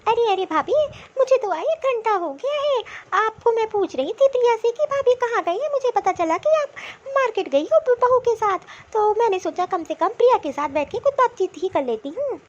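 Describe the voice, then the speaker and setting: A woman's voice: very high voice, animated, normal speed, few pauses, dull audio. A woman voicing a chatty, well-meaning middle-aged aunt in a cartoon, giving friendly advice. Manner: advising, friendly. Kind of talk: Hindi cartoon voice acting.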